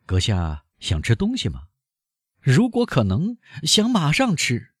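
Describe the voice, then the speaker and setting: A man's voice: medium pitch, wildly swooping pitch, a little slow, a bit bright, slightly rough, no echo, clean studio sound, voice pushed up, heavily acted. A man voicing a pampered middle-aged banker held captive, pleading and wheedling for food. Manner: wheedling, pleading and put-upon.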